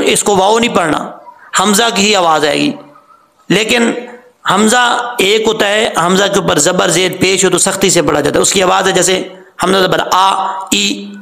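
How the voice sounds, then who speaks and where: A Quran recitation teacher with a high, gravelly, bright and forceful voice gives a tajweed lesson on pronunciation. He lays out the rules plainly and stretches sounds slowly so learners can imitate them, in a room with an echo.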